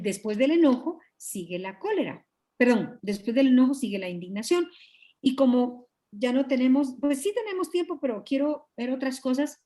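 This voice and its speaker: A woman, a pastor's wife, teaching a Bible study over a video call with a Guatemalan Spanish accent, earnest and confiding, often clearing her throat. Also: fairly high pitch, dark tone. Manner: earnest, confiding, acts out quoted dialogue.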